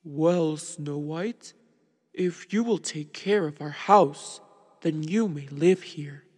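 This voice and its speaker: A woman voicing the eldest dwarf in a storybook reading, steady and fatherly. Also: sits low, slow, breathy edge, in a large hall, voice pushed down, full character voice. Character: eldest male dwarf, kindly and gruff.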